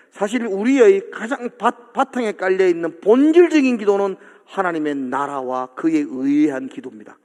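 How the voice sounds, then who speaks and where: A male pastor preaching a sermon in a church, earnest and emphatic, often asking his congregation for agreement. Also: high voice. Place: church sanctuary. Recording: long hall reverb.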